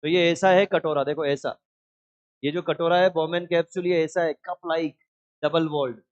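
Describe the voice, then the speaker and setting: A fairly high-voiced man teaches a biology class in a classroom, keeping it lively by quizzing his students and answering the questions himself. He also scolds anyone who isn't paying attention. The recording is dull and lo-fi. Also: unhurried. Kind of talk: classroom lecture.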